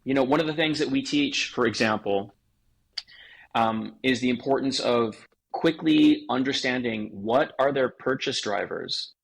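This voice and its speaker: This sales coach, appearing on a podcast, explains things point by point in a conversational, advisory way, running through lists and performing example phrases. He speaks at a measured pace in a medium-pitched, gravelly, husky voice, captured in a low-quality recording.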